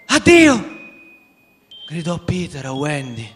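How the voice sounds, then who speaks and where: A man narrating a children's story in a measured storytelling manner for a radio reading. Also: on the high side, a bit bright, big-room sound.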